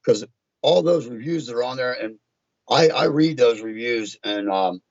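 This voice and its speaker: A man from Virginia, a tint shop owner being interviewed on a podcast, talking in halting, restarting bursts as he tells stories. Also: mid-range voice, darkish tone, no room sound, muffled recording. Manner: halting, restarts often, storytelling.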